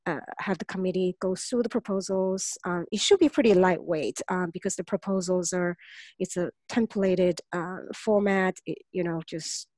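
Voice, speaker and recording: A woman's voice: on the low side, normal speed, darkish tone, dry recording. A woman announcing a mentorship program on a meeting call, her voice strained from a cold, with many fillers and trailing off.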